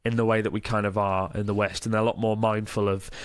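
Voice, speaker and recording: A man in his thirties with a Northern English accent co-hosts a casual podcast, chatting and laughing as he reads listener mail aloud. His voice is on the low side, smooth and level, delivered quickly with no room sound.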